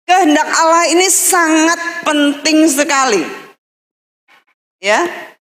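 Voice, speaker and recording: Woman pastor preaching, high voice, takes her time, big echo. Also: slow. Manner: animated storytelling, addresses listeners as brothers and sisters. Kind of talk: sermon. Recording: echoey hall reverb.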